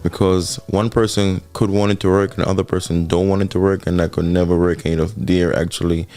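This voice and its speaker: Co-hosting a laid-back podcast with his partner, this man from Jamaica speaks in a Jamaican accent, earnest and reflective about relationships, often repeating points to stress them. The voice is low and warm, delivered flatly and a little fast, with no echo.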